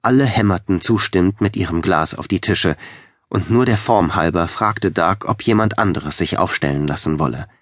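A man narrating an audiobook in a calm, measured reading. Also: deep voice, no echo, clean studio sound. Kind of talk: scripted narration.

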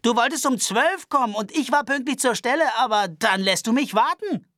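A man's voice: very high voice, animated, moderate pace, sharp tone, no echo, studio quality, pitched above the performer's own voice, full character voice. A man voicing a nervous, rambling sheep farmer in a Western audiobook, babbling and laughing nervously.

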